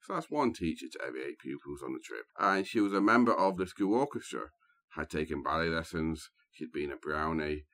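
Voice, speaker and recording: A man hosting a true crime podcast, telling the story in a measured, scene-setting way. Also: extremely low pitch, animated, fairly bright tone. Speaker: podcast host. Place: small booth, sharing a room with co-host.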